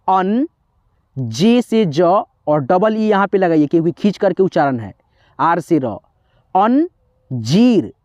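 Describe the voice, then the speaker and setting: A man's voice: high-pitched, darkish tone, no echo, highs cut off. A male teacher giving a spelling lesson, patiently spelling words out letter by letter and repeating each word.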